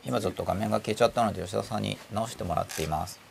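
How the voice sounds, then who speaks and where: A man hosts a relaxed livestream chat in a fast, playful, teasing way, his voice full of gravelly fry. His pitch swings widely as he talks, and a faint hiss sits under him. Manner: playful, teasing, laughs often. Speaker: livestream talk show host. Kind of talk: casual chat.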